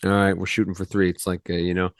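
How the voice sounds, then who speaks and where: Male podcast host, lower voice, casual rambling delivery, dry close sound. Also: flat delivery, fast, no echo. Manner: loose, rambling, slangy, with many restarts.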